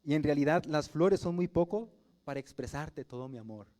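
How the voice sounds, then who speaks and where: A Mexican pastor delivers his sermon in a relaxed, conversational style. His voice is warm and mellow but sits a little high for a man. He keeps turning to the congregation with rhetorical questions. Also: moderate pace.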